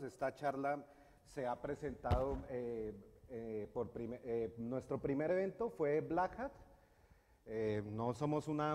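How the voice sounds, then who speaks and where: A man's voice: mid-range voice, darkish tone, slight background noise. A middle-aged man with a Colombian accent giving a technical conference talk, hesitant, with many fillers and restarts. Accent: Colombian Spanish. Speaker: conference speaker. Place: university lecture hall with audience. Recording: hall reverb in a lecture hall.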